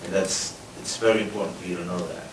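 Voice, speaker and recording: A man's voice: deep voice, steady tone, fast talker. A man who grew up in New York after leaving Guatemala, speaking earnestly and off the cuff as a panelist at a public discussion. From Guatemala, raised in New York. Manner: earnest, loose and spontaneous. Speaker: forensic anthropologist panelist. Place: lecture hall. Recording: roomy hall, distant mic, noisy.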